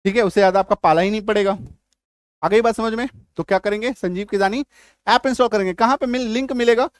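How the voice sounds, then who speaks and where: A middle-aged man whose smooth voice sits high teaches English spelling and pronunciation in Hindi. He repeats rules and keeps checking understanding, captured in clean studio sound without echo.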